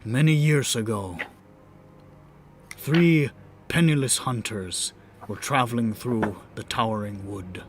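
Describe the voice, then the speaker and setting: A man's voice: mid-range voice, slow pace, pauses often, music in the background, lightly acted. A man voicing a bard who recites an old fantasy tale in a grand, rhythmic, theatrical storytelling manner. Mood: grand, solemn. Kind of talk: scripted fantasy tale narration.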